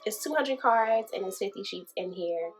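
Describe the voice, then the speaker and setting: A woman's voice: a little high, animated, normal speed. Chatty woman with faint music behind. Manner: chatty, addresses viewers as y'all. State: out of breath. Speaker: small business owner teaching a tutorial. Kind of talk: casual how-to tutorial.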